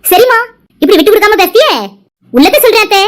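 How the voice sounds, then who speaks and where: A woman voicing chatty village women, a young wife and her aunt, in an animated family drama, talking in rapid, gossipy chatter. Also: very high voice, over music.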